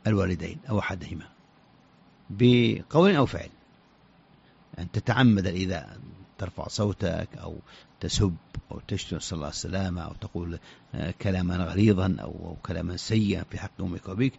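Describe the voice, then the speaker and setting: Brief: man, scholar on radio Q&A, fast and halting, gravelly husky voice, lo-fi old radio sound. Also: low voice, a little mellow. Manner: halting, many restarts and repeated syllables. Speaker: Islamic scholar answering listener questions. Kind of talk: radio religious Q&A answers. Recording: dull lo-fi radio recording.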